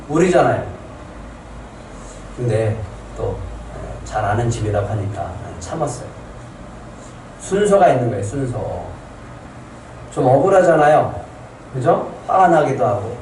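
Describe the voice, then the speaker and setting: Animated Korean pastor in an echoey church. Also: male voice, medium pitch, measured pace, pauses often, recorded from a distance, slight background noise. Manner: animated storytelling, acting out complaints. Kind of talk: sermon. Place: church sanctuary.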